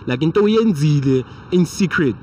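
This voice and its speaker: A man's voice: fairly high pitch, expressive, normal speed, a little mellow, far from the mic, slight background noise. A young man with a South African accent, playfully teasing as a street interviewer and mixing English with Zulu, recorded on a handheld mic outdoors.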